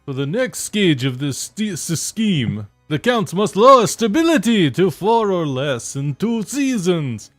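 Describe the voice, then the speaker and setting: A man's voice: sits high, sing-song, measured pace, hardly any pauses, a bit bright, soft background music. A man hosting a game with friends, laughing often and switching into dramatic narration. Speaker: game host. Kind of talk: narrating and chatting over a game.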